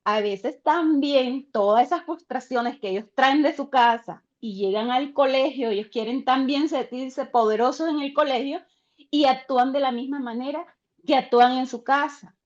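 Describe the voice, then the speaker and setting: A woman teacher tells a story from her classroom in a bright, fairly high voice, jumping into the voices of the people she quotes. Her sound comes through dull and lo-fi, like audio from a video call. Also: normal speed. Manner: animated, acts out quoted voices. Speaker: teacher sharing an experience in a class.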